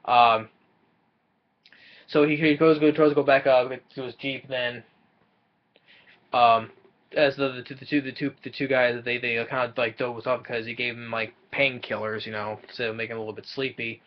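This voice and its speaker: A man's voice: medium pitch, little pitch movement, moderate pace, highs cut off. A young man casually recapping a film's plot from a small room, often stumbling and repeating words as he goes. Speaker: movie reviewer.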